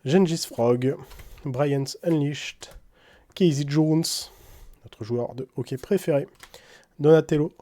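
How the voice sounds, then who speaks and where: A man's voice: a little high, takes it slowly, pauses often, warm tone. A man opening trading card packs in casual commentary, reading English card names aloud in a French accent with wry asides.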